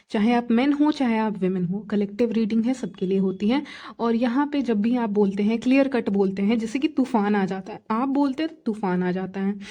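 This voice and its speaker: A woman's voice: a little high, warm tone. Chatty woman giving a tarot reading. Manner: chatty, repeats phrases, frequent "theek hai" fillers. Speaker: tarot reader. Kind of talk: collective tarot reading monologue.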